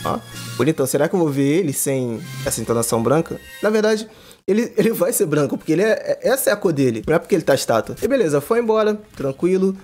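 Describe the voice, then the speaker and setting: Young male gaming commentator, quick and a bit high-voiced, excited and slangy, faint game music behind. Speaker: gaming YouTuber. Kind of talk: casual gameplay commentary.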